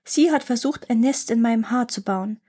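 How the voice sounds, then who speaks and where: A woman voicing a lying, scheming young servant maid who fawns and flatters. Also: a little high, normal speed, breathy edge. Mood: fawning. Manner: sly, fawning replies.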